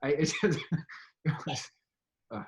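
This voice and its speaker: A man's voice: on the high side, fairly even intonation, takes it slowly. A man hosting a casual sports debate, chatty and often laughing at his own points. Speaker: host.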